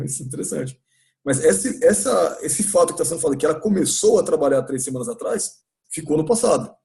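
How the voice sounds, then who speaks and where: In a church classroom, a man with a Brazilian Portuguese accent teaches English grammar, patiently quizzing his students and going over points again. His voice is mellow and fairly high-pitched.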